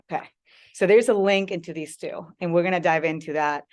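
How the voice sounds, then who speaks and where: A woman's voice: fairly low pitch, fairly quick, a little mellow. A woman from Peru, a food company founder giving an engaging talk and asking the audience questions.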